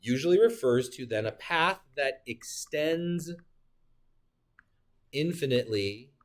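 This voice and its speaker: A man's voice: mid-range voice, slow pace. A male geometry teacher giving a classroom lecture, explaining definitions with playful asides and questions to his students. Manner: animated, joking asides, talks to students.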